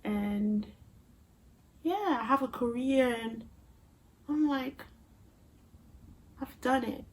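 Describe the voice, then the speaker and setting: This Haitian Creole-accented vlogger, in her twenties, talks casually and playfully to viewers via a phone camera. She has a high-pitched, darkish voice and speaks extremely slowly, pausing often, with slight background noise.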